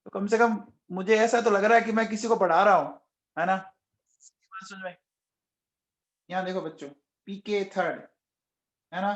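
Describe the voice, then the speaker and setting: A man whose voice sits high teaches chemistry in a live online lecture, a little fast and with fairly even intonation. The audio is reverberant. He keeps coaxing and quizzing students, raising his voice for answers and saying he is shouting nonstop.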